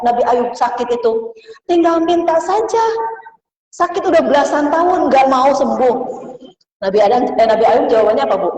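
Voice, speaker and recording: A woman's voice: sits high, recorded from a distance, dull audio. Female teacher, sermon to women, miked from afar in an echoey hall. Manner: addresses listeners as Bu, softens into hushed prayers. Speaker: religious teacher. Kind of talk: women's study circle sermon.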